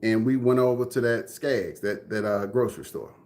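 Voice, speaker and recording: A man's voice: on the low side, moderate pace, darkish tone. A Texan man in his thirties, from Dallas, telling a personal story earnestly to a live chat, often repeating phrases for emphasis. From Dallas, Texas. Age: 30s. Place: indoors, room with air conditioning.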